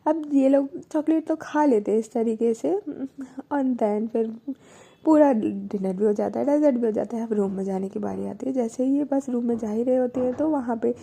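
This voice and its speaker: A woman's voice: on the high side, normal speed, vocal fry, mellow, slightly rough. A woman storyteller narrating a romance casually, chatty, with fillers and self-corrections.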